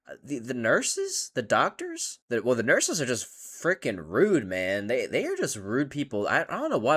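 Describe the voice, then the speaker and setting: Animated, sarcastic male reaction host. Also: mid-range voice. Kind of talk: casual reaction commentary.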